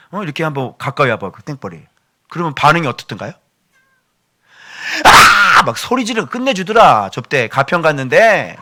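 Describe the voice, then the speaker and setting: A male pastor delivers a sermon with a bright, forceful tone and a lively, swooping pitch. His voice sits slightly higher than most men's. He keeps the congregation engaged with animated, joking asides.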